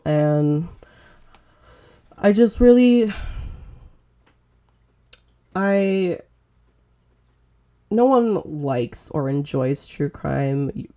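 A woman's voice: low-pitched, warm tone. A woman hosting a true crime podcast, chatting casually to listeners in an informal, hesitant way with trailing thoughts.

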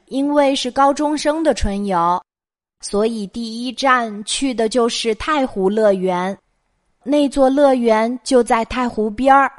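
Speaking at a measured pace in a slightly high voice, the host of a bedtime storytelling show recalls her childhood conversationally. She is middle-aged, with a Mainland Chinese Mandarin accent.

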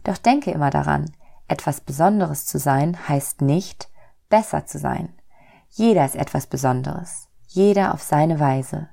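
A woman voicing a kind, calm and patient God in a storybook reading, explaining gently. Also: deep voice, measured pace, creaky, heavily acted.

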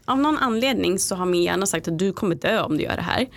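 A woman's voice: mid-range voice, animated, vocal fry, a little hiss or hum. A woman speaking reflectively and personally in a casual podcast chat, sometimes searching for words.

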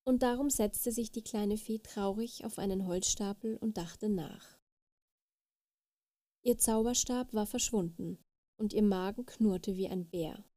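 A woman reading a children's fairy tale aloud with lively, expressive narration. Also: medium pitch, measured pace, no room sound. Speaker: storyteller.

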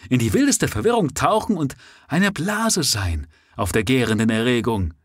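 A man's voice: mid-range voice, huge pitch swings, slow pace, breathy edge, no echo, clean studio sound, pitched above the performer's own voice, heavily acted. A man voicing a frenzied male writer who bursts into wild, exultant exclamations. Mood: exalted. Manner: wild exclamations, rising to shouts.

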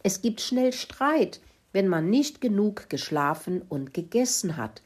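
A woman voicing a wise, stern male tomcat in a children's story who lectures the others, husky voice. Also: medium pitch, sing-song, a little slow, a little mellow, pitched above the performer's own voice. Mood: lecturing.

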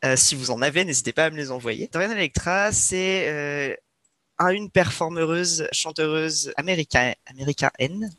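A man presenting a music segment on a podcast in casual chat, hesitant, with many filler pauses and restarts. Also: on the high side, pushed and bright.

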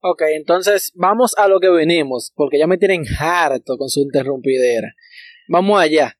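High-voiced podcast host. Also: male voice, moderate pace. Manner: bossy, teasing, steers the talk. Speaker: podcast co-host leading topics. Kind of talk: casual chat.

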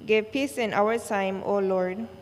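A woman leading a church service, reciting the liturgy in a slow, measured way, her voice carrying a cathedral echo. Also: medium pitch. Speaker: worship leader. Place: large church. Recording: long church reverb, faint noise.

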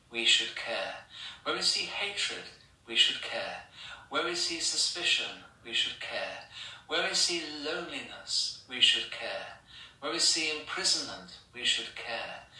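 English male priest, sermon, slow and insistent, distant roomy church sound. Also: mid-range voice, pushed and bright. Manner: measured, repetitive rhetorical questions and lists. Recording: echoey church from far off.

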